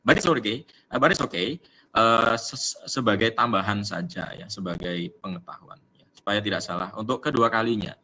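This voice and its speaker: A man's voice: lowish voice, normal speed, sharp tone, slight background noise. A man with an Indonesian accent teaching an English class, mixing English words into his explanations with many fillers. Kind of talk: online class lesson.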